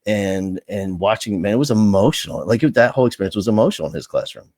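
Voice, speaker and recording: Brief: male host with a lowish voice, emphatic and full of restarts, in a dry, close sound on a video call. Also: animated, fast talker, a little mellow, no room sound. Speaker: podcast host. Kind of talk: casual interview chat.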